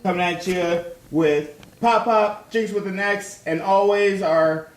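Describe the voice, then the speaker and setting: A man's voice: sits high, slow pace. A man hosting a casual podcast chat, upbeat and joking, who often echoes what the others say. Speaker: podcast host.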